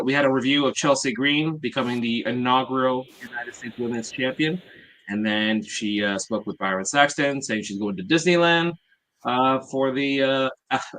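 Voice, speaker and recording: A man hosting a casual podcast, talking in an unpolished, rambling way. His voice is mid-pitched and ordinary. He fills pauses with lots of "uh"s as he recaps. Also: fairly bright tone. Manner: rambling, filler-heavy, many "uh"s. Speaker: podcast host.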